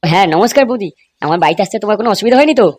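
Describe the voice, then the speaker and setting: Fast-talking woman in a crude cartoon. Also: mid-range voice, expressive, a little mellow, dry recording. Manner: rapid, coarse, scolding banter. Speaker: voice actor voicing several cartoon men. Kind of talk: crude comic cartoon dialogue.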